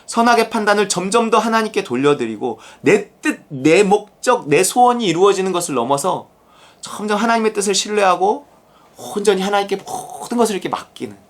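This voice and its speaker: A pastor from South Korea preaching a conversational sermon, emphatic and animated, sometimes acting out prayers. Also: medium pitch, brisk.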